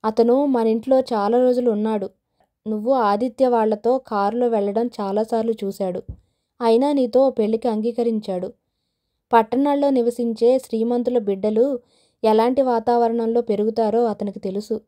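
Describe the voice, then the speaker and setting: A calm middle-aged father speaks steadily and soothes, as a woman narrator voices him. The voice is dark and mellow, pitched fairly high. He sounds firm and unhurried in this audio novel. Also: lightly acted. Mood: reassuring. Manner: steady and reassuring.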